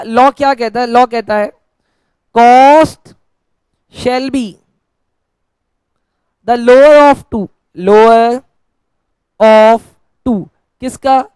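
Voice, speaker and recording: A male teacher giving a lecture in a playful way, dictating notes slowly word by word and answering his own questions in a mock student voice. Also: very high voice, a little mellow, smooth, no room sound. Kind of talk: classroom lecture.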